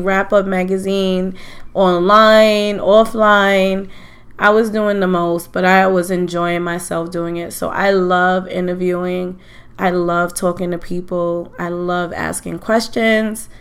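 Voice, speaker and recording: A middle-aged woman with a Queens accent speaks in a clear, smooth and fairly low voice. She hosts a podcast as a casual solo monologue, chatty and conversational, leaning on repeated phrases for emphasis. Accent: Queens, New York. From Queens, New York. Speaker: podcast host. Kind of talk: casual personal monologue to listeners.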